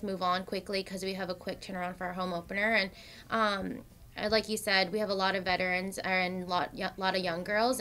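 A young woman, a soccer defender, answering questions after a match with many "um"s. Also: mid-range voice. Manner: steady, filler-heavy answers with many "um"s. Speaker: soccer defender at a press conference. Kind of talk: post-match press answers. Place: press room in front of a sponsor backdrop.

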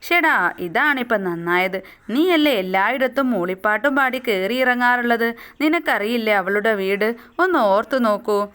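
A woman voicing a gentle, caring old moon uncle in a children's story reading. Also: fairly high pitch, expressive, moderate pace, clean tone. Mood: kindly. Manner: gentle, affectionate.

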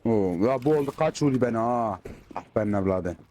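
Excitable gamer man, swearing, mellow voice. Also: fairly low pitch, normal speed, a little hiss or hum. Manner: excitable, swears when frustrated at the game; says he slips into dialect when angry. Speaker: gaming YouTuber. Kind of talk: casual gameplay commentary. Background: faint game gunfire.

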